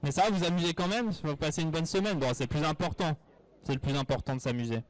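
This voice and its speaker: A man's voice: a little high, quick pace, no room sound. A man commentating a live chess event, bantering and joking with members of the audience over a handheld microphone.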